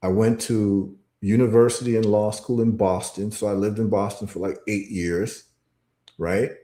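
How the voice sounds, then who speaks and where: Emphatic low-voiced man in echoey room. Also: steady tone, moderate pace, dark tone. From Ghana. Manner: emphatic, repetitive, storytelling. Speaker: podcast guest. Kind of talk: casual talk-show monologue.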